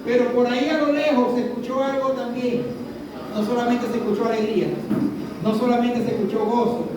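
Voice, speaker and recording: A man's voice: extremely high pitch, little pitch movement, a little fast. A man preaching a sermon as pastor, emphatic and repeating calls for his congregation to listen closely. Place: church hall. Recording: echoey church room from far off, noisy.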